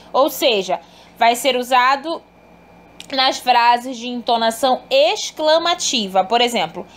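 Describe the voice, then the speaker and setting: A woman's voice: a little high, a little hiss or hum. A woman teacher explaining a lesson to her pupils in a patient, explanatory way, calling them fond names. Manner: explanatory, addresses pupils fondly. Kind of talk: recorded online lesson.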